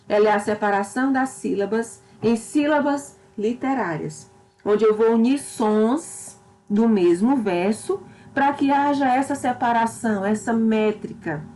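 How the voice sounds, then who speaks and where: A woman's voice: fairly high pitch, darkish tone, slight background noise, low-quality recording. A woman teacher giving a literature lesson, explaining step by step and often checking in with her students.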